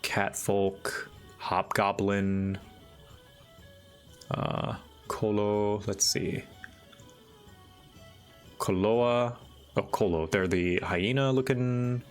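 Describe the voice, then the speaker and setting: A man hosting a livestream, chatting casually and thinking aloud in a halting, musing way. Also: fairly low pitch, fairly even intonation, clean tone, faint music behind. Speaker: livestream host.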